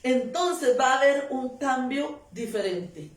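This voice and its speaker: Slow, high-voiced woman preaching a sermon. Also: lively intonation. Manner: emphatic, repetitive, calls of amen. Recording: echoey room, voice from a distance.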